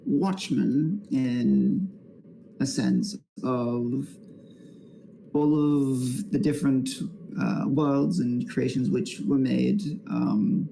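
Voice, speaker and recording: A man voicing a slow, formal island queen. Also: medium pitch, vocal fry, mellow, a little hiss or hum, poor audio. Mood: measured. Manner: formal, measured, hesitant. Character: formal, measured queen of a dragon isle.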